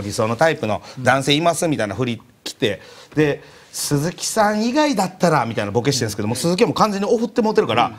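A young adult man with a Kansai accent, telling a comic anecdote as a comedian on a TV panel and acting out the voices of the people in it. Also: mid-range voice. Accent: Kansai Japanese. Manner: animated storyteller, acts out quoted voices.

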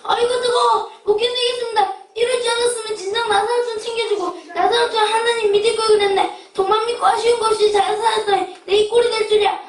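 Woman playing a pompous villainous rich old man, high-pitched. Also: normal speed. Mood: anguished, pleading. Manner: pompous, mocking, theatrical villain bluster. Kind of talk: children's hand puppet play acting. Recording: roomy, distant miking with background hiss.

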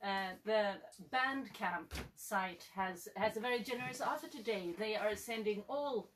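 A woman's voice: mid-range voice, unhurried, background noise. Swedish woman co-hosting, hesitant. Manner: friendly, hesitant with fillers. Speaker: musician and concert co-host. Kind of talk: casual stage chat. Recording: from a distance.

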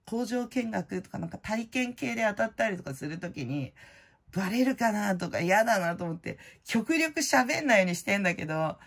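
A middle-aged woman hosting her own channel, chatting casually in a blunt, slangy way full of fillers, and loud-voiced by her own account. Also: medium pitch, big pitch swings, moderate pace, breathy edge. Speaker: prize-winning vlogger host. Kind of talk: casual chat.

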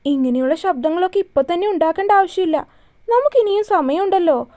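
A woman's voice: very high voice, animated, fairly quick, dark tone. A woman voicing a cruel young man who holds a woman captive, in a mocking, menacing way.

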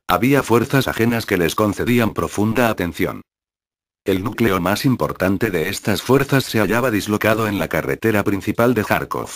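A man narrating a first-person memoir as an audiobook, reading in a measured, steady way. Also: on the low side, no echo.

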